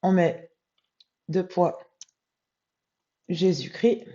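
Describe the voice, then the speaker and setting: Tired woman, mellow voice, mutters while working, lo-fi home recording. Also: fairly low pitch, steady tone. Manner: muttering to herself, reads passages slowly and emphatically. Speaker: medium transcribing a channeled text. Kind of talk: live screen-recorded transcription, thinking aloud.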